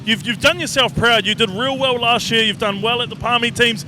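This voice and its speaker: A man's voice: very high voice, fairly even intonation, fairly quick. A man with a New Zealand accent doing casual, matey live interviews as a pit reporter. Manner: blokey, matey. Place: outdoors in rain at a speedway. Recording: noisy outdoor speedway with engines.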